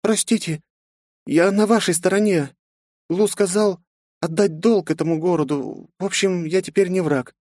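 A man's voice: high-pitched, moderate pace, darkish tone, no room sound, studio quality, voice pushed up. A man voicing a sweet, sing-song young woman who is secretly a deadly fighter, in a storybook reading. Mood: soft apologetic.

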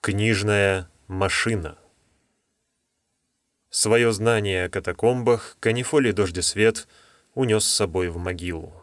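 A man reading a fantasy novel aloud as an audiobook narrator, in a measured storytelling manner. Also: fairly low pitch, dry recording, studio quality.

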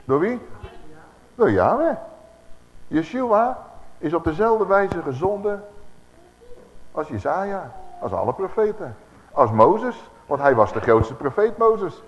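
A man preaching a Bible teaching sermon, animated and putting rhetorical questions to his audience. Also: high voice, slow, pauses often. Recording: echoey hall, dull lo-fi sound, faint hiss.

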